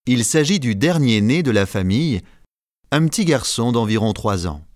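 Male narrator, measured storytelling read, dry close mic. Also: medium pitch, no room sound. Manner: calm, measured reading. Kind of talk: scripted audiobook narration.

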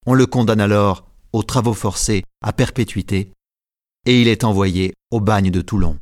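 A man narrating a story as an audiobook, in a measured, clear storytelling delivery. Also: lowish voice, steady tone, darkish tone, no room sound, clean studio sound.

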